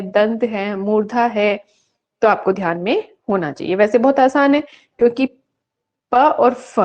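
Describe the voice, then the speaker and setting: A woman teaching an online Sanskrit exam-prep class who poses questions and answers them herself, reciting rules slowly. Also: fairly high pitch, a little mellow, muffled recording.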